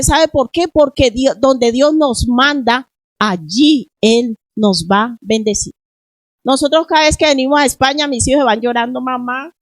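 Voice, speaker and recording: Woman pastor, middle-aged, high voice, dry close sound, sermon full of rhetorical questions. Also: dry recording, low-quality recording. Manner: preaching with many rhetorical questions to the congregation. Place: church in Spain.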